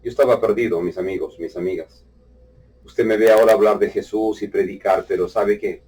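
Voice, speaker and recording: A man preacher giving a personal testimony sermon, fervent, swinging between loud outbursts and hushed, quiet passages. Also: fairly low pitch, steady tone, brisk, slightly rough, far from the mic, low-quality recording.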